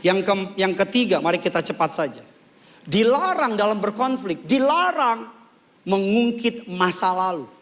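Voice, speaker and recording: A male pastor preaches to a large church congregation, animated and joking, repeating key lines for emphasis. His voice is high and he speaks a little slowly.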